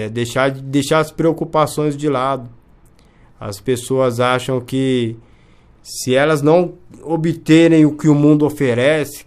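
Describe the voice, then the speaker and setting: Earnest man giving testimony. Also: medium pitch. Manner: earnest, often asks "entende?". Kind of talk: testimonial interview talk.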